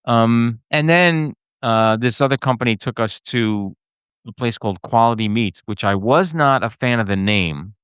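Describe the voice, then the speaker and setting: A man co-hosting a podcast, telling a ranting story in casual chat and mimicking people in high voices. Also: normal speed, fairly bright tone, smooth, no room sound, lo-fi sound. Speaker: podcast co-host.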